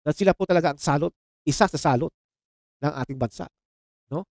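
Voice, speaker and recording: A Filipino political reaction vlogger rants to his viewers in casual commentary, heated and sarcastic, calling them "mga chong" and tossing in English exclamations. His voice is a little high, fast and a little mellow, in a dry recording.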